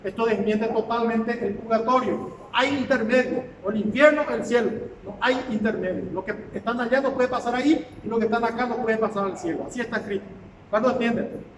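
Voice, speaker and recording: A man with a very high voice preaches with emphasis, driving his points home by repeating them. He sounds distant from the microphone. A long hall reverb trails each phrase, with faint noise underneath. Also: brisk. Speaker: pastor. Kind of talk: sermon.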